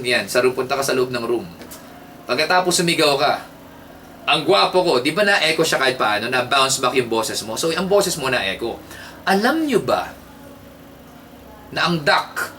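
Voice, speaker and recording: Lively Filipino radio DJ, man. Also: fairly high pitch. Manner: playful, animated, mixes English into Tagalog. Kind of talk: casual radio trivia segment. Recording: slightly distant mic, faint hiss.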